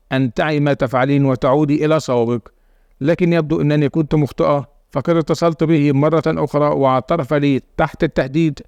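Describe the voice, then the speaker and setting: A man voicing a stern, controlling elderly grandmother in a spoken story, with a gravelly, fast delivery. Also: fairly high pitch, darkish tone, no echo, highs cut off, close to an everyday voice. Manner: stern, commanding.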